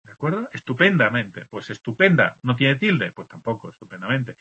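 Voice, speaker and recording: A man from teaches a spelling lesson, sounding out example words and asking "¿de acuerdo?" after nearly every point. His voice is bright and a little husky, with a pitch that leaps up and down as he stresses the words. The recording is dull and lo-fi. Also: sing-song, moderate pace. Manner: explains patiently, checks in with constant "¿de acuerdo?". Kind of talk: spelling lesson explaining accent marks.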